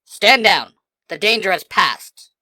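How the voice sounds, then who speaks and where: A man's voice: high voice, animated, slow pace, sharp tone, dry recording, pitched above the performer's own voice, heavily acted. A man voicing a steadfast, protective veteran warrior in an earnest, heroic manner for a story reading. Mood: resolute.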